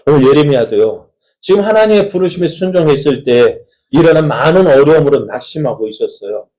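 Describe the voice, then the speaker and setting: A man's voice: a little high, animated, brisk, mellow, low-quality recording. A male pastor preaching a sermon in a conversational way, asking the congregation many rhetorical questions.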